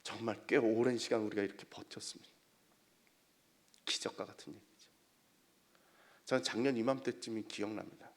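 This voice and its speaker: A man preaching an evening church sermon. He swings between loud, emphatic declarations and hushed near-whispers, and he asks the congregation questions before answering them himself. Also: on the low side, fairly even intonation, moderate pace, long pauses. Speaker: guest preacher, professor.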